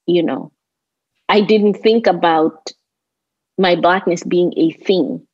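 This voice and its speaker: A woman's voice: fairly low pitch, takes it slowly, slightly rough. A woman with a Kenyan accent talking reflectively as an interview guest, thoughtful and given to emphatic repetition. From Kenya, grew up in Nairobi. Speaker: interview guest, landscape designer. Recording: roomy, slightly dull lo-fi audio.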